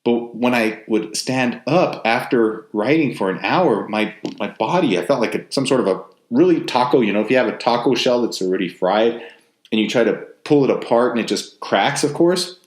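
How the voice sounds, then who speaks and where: A man's voice: medium pitch, animated, moderate pace. A man with a West Texas accent talking casually in a rambling, conversational monologue, telling anecdotes in a self-deprecating way. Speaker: novelist and host. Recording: roomy, echoey sound.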